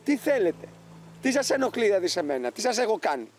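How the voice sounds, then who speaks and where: A young man on a reality show arguing loudly and indignantly with other contestants outdoors. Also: high-pitched, sing-song. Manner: agitated, loud and indignant. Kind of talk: heated argument. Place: outdoors at a camp.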